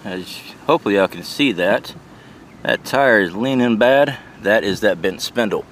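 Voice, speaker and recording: Low-pitched man giving a casual tour. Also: animated, normal speed, a bit bright. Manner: plain-spoken, folksy, addressing viewers as guys. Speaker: vlogger giving a trailer tour. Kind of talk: casual handheld walkthrough narration. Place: outdoors around and inside a small trailer. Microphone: handheld camera or phone mic. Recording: noisy camera audio, outdoor and fan hum.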